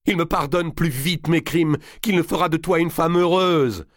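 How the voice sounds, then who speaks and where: A man reading aloud and voicing a defiant young noblewoman who shouts high, biting insults with scorn. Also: moderate pace, no room sound, clean studio sound, close to an everyday voice. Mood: furious.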